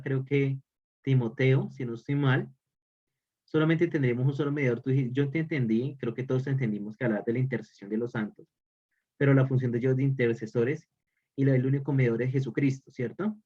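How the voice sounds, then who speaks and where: A man's voice: mid-range voice, darkish tone. Man teaching over lo-fi video call. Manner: repeats key phrases for emphasis. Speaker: religious formation teacher. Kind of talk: online class lecture. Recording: dull lo-fi call audio.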